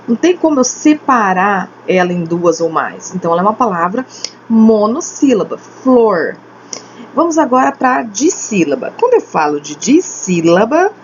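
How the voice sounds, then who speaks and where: A woman teacher giving a lesson to children at home, stretching out key words slowly to stress them. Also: a little high, darkish tone. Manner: slow, drawn-out explanatory emphasis. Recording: slightly dull home recording with faint noise.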